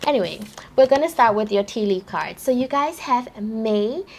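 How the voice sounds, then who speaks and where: A woman's voice: on the high side, lively intonation, normal speed, darkish tone. A bubbly young woman giving a chatty pick-a-card tarot reading, laughing often. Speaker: tarot reader.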